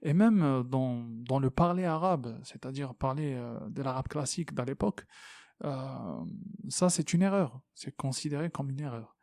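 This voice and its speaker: A man teaching Quran recitation, patiently explaining letters and repeating sounds slowly with frequent hesitations. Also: mid-range voice, creaky, a little mellow, no echo. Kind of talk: tajwid lesson, explaining and demonstrating pronunciation.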